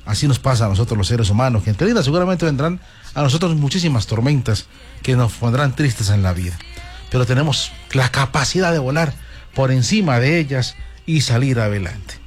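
Over soft background music, a talk show host tells his audience a fable and greets them effusively, often repeating "gente linda." His voice sits at a medium pitch, with lively intonation and a brisk pace.

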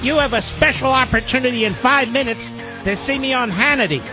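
A man's voice: extremely high pitch, brisk, over music. An older man hosting a call-in talk radio show, speaking emphatically and taking callers. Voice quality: emphatic, forceful delivery.

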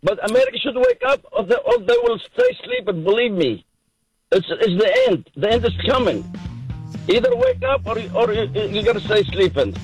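A man's voice: sits high, huge pitch swings, moderate pace, creaky, soft background music, rough recording. A man from Iraq, calling in to a radio show, speaking broken English with passionate emphasis and frequent repetition. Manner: impassioned, emphatic, repeats himself, broken English. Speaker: caller. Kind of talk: call-in radio talk.

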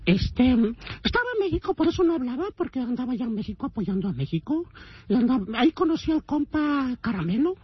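A man's voice: very high-pitched, very animated, fairly quick, breathy edge, no room sound. A Mexican man leaving a comedic voice message for a radio show, talking in a theatrical, boastful, sing-song way. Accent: Mexican Spanish. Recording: dull radio-broadcast sound.

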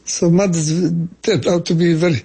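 Older husky man, halting speech. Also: fairly high pitch, steady tone, mellow. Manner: halting, repeats words, slow reflective phrasing. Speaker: interviewee, painter. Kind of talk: interview answers.

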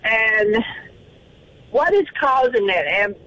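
A woman's voice: fairly high pitch, animated, pushed and bright. Woman on a distant car speakerphone. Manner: halting and a little self-conscious. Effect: car hands-free speakerphone heard over a phone line. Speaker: caller. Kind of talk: call-in question to a radio show. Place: in a parked car in a garage. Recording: dull phone line with faint noise, from far off.

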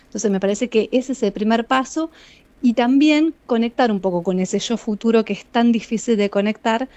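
Measured Argentine woman, dry sound. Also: a little high, a little mellow, dry recording. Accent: Argentine Spanish. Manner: measured, explanatory, addresses listeners directly. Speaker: psychologist and author, guest. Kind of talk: interview answers.

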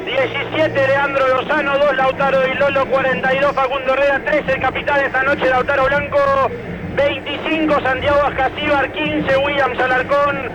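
A man reporting from the stadium for sports radio. He reads lineups in a steady, brisk way, and his voice comes through thin and muffled, like a tinny pocket radio. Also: extremely high pitch, a crowd in the background. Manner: steady, brisk listing of names and shirt numbers.

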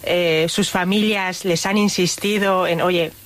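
A radio co-host asks friendly, probing questions. His voice is high for a man. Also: steady tone, slow, a bit bright. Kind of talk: radio interview.

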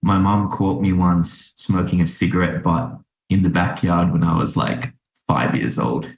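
A Sri Lankan doctor in his thirties, appearing as a podcast guest, talks in a deep, steady, creaky voice at a measured pace. He reflects aloud during the interview conversation, with many fillers and restarts, and the recording has a roomy echo.

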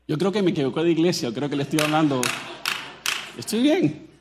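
A Colombian pastor with a high voice preaches a lively sermon at a slightly fast pace, with background noise present. Animated in delivery, he jokes with the congregation and speaks to them directly.

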